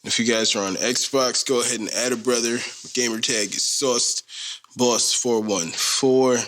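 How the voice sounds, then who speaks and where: Heard through a low-quality recording, a thirtysomething podcast host speaks a little slowly in a steady, mid-range, fairly bright voice. He rambles casually on his solo show, slangy and joking.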